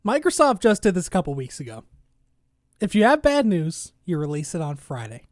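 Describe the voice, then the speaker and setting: A man's voice: high voice, wildly swooping pitch, a little fast, no room sound, clean studio sound. A man co-hosting a gaming news podcast, reading articles aloud and then riffing on them with sarcastic asides in casual chat. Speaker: podcast co-host.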